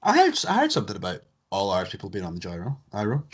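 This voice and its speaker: A man's voice: low-pitched, huge pitch swings, very fast, breathy edge. A young man hosting a casual podcast chat, joking and swearing freely. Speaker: podcast host.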